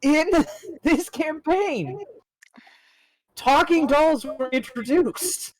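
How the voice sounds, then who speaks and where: A woman's voice: high-pitched, very slow, no echo, rough recording. A woman player chatting and joking at a tabletop game, laughing often. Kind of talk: casual tabletop chat.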